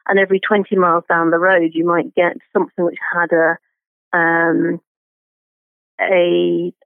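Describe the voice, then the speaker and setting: Male guest with a high voice, halting and chatty, over a tinny phone line. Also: monotone, creaky, smooth, no echo. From Britain. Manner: halting, many restarts and fillers. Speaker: garden writer, guest. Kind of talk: conversational interview.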